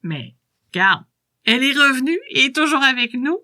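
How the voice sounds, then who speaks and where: Woman playing an old coquette in a hushed whisper. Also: high voice, expressive, normal speed, dry recording, studio quality, pitched above the performer's own voice. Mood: gossipy whisper. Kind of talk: storybook character dialogue.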